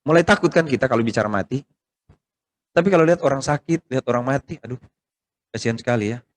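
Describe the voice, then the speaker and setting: A man's voice: expressive, quick pace. Pastor guy preaching, middle-aged, talks right to the congregation, mid voice. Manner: conversational preaching, asks the congregation questions; swings between loud rising emphasis and quiet low asides. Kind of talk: sermon. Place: church service hall, streamed online.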